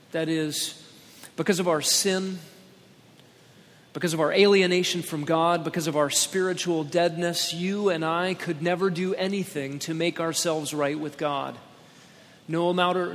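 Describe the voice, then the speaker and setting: Pastor preaching at a pulpit mic. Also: male voice, fairly high pitch. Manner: emphatic, slowing down on key words. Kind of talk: sermon. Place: church sanctuary, speaking at a pulpit microphone. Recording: long church-hall reverb.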